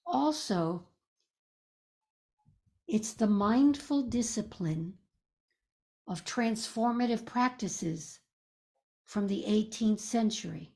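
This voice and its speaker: A woman leads a guided meditation as a teacher, speaking gently, soothingly and with measured pauses. Her medium-pitched voice is creaky, with lively intonation.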